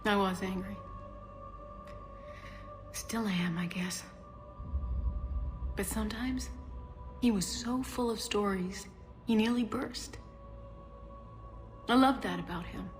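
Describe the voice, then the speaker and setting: A woman voicing a grieving young female scientist in video game dialogue, speaking in a hesitant, halting, emotional way, with game music behind. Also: mid-range voice, close to an everyday voice.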